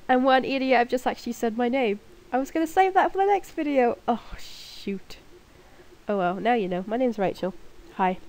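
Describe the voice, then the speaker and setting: Alone in her room at night, a young gaming video creator with a cold and stuffy nose gives casual commentary over her gameplay. Her slightly high, darkish voice moves at normal speed with lively intonation. She rambles, giggles and mocks herself as she talks.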